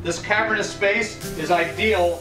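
This scripted yacht walkthrough comes from a middle-aged man whose voice sits high, steady and unhurried, as he enthusiastically describes each space, cabins to open deck, raising his volume outside. The sound is roomy and off-mic, recorded from afar, with music underneath.

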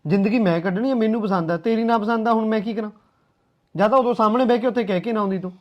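A man's voice: high voice, rapid-fire, dull audio, close to an everyday voice. An actor playing an angry grown son who argues bitterly with his mother in a short film drama. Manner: bitter, confrontational.

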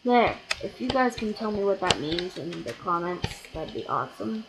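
A let's play gamer rambles through casual commentary on a block-building game, correcting himself and breaking into sudden excited outbursts. His voice is medium-pitched at a normal speed, recorded at a home computer with background noise.

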